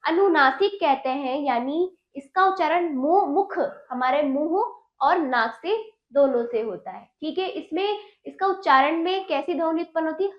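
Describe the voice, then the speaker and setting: A woman teacher giving a children's lesson, slowly repeating each word and asking simple questions. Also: high-pitched. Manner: slow drilling, repeats each word carefully with rising questions. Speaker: Hindi teacher. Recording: roomy, dull lo-fi sound.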